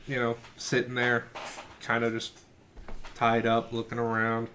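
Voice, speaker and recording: A relaxed man running a tabletop game, describing the scene in a halting, filler-heavy way. His voice is mid-pitched, with a faint hiss of noise behind it. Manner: easygoing, halting, many fillers. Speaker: game master.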